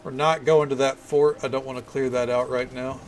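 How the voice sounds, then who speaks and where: A man's voice: medium pitch, flat delivery, brisk. A man giving casual, chatty gameplay commentary as a streamer, thinking aloud. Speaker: game streamer.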